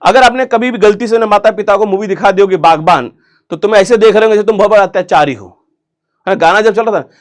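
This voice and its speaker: A man's voice: high-pitched, fast talker. A man teaching vocabulary for an exam in a chatty, joking way, asking questions and answering them himself, with English words in an Indian accent. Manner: chatty, jokey, asks and answers his own questions. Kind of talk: online exam-prep vocabulary lesson.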